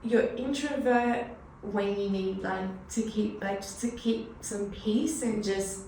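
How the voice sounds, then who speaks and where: An Australian finance broker in her thirties talks reflectively as a guest on a podcast, a casual conversational interview full of "you know" fillers. Her mid-range voice is dark in tone and unhurried, recorded in an echoey room with a distant mic and faint noise.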